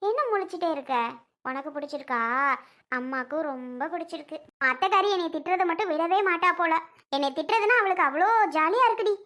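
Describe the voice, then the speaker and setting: Woman doing a young mom, super high and bright, chatty and protective of her baby. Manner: chatty, fondly grumbling to the baby. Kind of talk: family drama skit.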